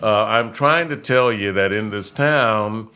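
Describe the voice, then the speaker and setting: A man's voice: on the low side, takes it slowly, sharp tone, clear, resonant tone. A middle-aged man hosting a casual chat in a folksy way, repeating his phrases for emphasis. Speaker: host, interviewer.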